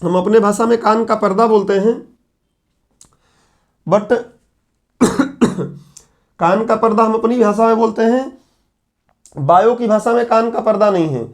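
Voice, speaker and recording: A middle-aged man teaching in a classroom, his voice pitched notably high and roughened by a sore throat. He works through the lesson point by point, firing questions at the class and answering them himself. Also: a little slow, pauses often. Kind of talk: classroom lecture at a whiteboard.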